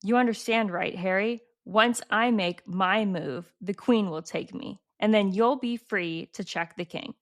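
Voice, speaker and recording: A woman's voice: medium pitch, a little slow, few pauses, close to an everyday voice. A woman reading aloud the lines of a brave, blunt boy wizard in a dramatic read-aloud.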